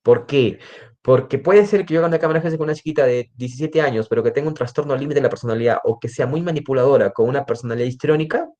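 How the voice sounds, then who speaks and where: A male forensic psychologist with a Peruvian Spanish accent gives a lecture in a mid-pitched voice. He explains his points patiently, often checks in with "¿no?" and restarts sentences as he goes. The recording is a little dull and lo-fi. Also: very fast, darkish tone. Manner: explanatory, frequent "¿no?" tags and restarts.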